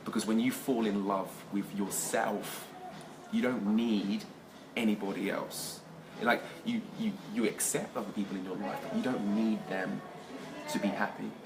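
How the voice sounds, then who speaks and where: A man's voice: lowish voice, fairly even intonation, normal speed, noisy background. A man hosting a live conversation, talking enthusiastically and rambling with repeated words. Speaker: host. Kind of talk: casual conversation.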